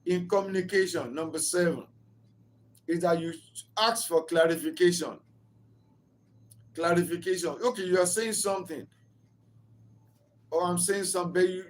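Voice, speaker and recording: A man's voice: high-pitched, rough recording. A man giving a motivational talk on relationships, earnest and instructive, repeating key phrases and asking rhetorical questions. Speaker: relationship speaker.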